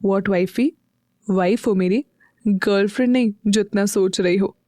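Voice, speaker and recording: Audio-story casting: a woman playing a teasing, tender young husband, slow and soft. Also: dry recording, clean studio sound, close to an everyday voice. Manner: soft, low, intimate murmuring.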